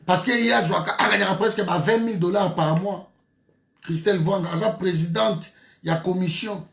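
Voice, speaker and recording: High gravelly commentator, emphatic. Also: male voice, fairly bright tone, reverberant. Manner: emphatic, repeats phrases, stumbles and restarts. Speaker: political commentator. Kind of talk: heated political monologue.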